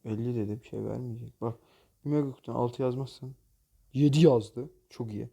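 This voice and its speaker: A man's voice: medium pitch, fairly even intonation, fast, creaky, dark tone, slightly rough. A man hosting a gaming channel, commenting on opening loot boxes in a mobile game, exasperated and jokey, often cursing at the game.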